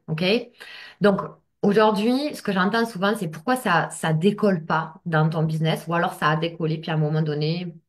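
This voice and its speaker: In a relaxed talk to camera, this business coach speaks straight to her audience and keeps checking in. She has a low-sitting voice.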